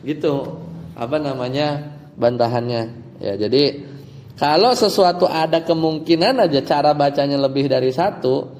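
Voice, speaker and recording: Male teacher, fairly high voice, relaxed lesson talk, explains point by point, long hall reverb. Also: moderate pace, a little hiss or hum. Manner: explains step by step, asks students rhetorical questions. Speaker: Islamic teacher. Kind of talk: casual Arabic grammar lesson.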